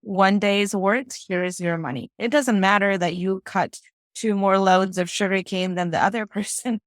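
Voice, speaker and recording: A woman who grew up in Fiji, talking as a guest in a relaxed interview. She tells her story reflectively, often pausing to ask "right?" or add "you know". Her voice sits at an ordinary middle pitch and sounds close and dry, with no room echo. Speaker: guest, financial strategist. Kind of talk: casual interview conversation.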